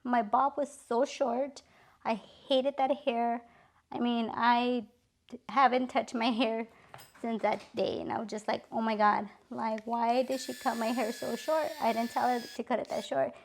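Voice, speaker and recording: A woman's voice: fairly high pitch, little pitch movement, a little slow, vocal fry. A middle-aged woman vlogger telling a story casually, chatty and exasperated, full of "like" and "literally". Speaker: beauty vlogger.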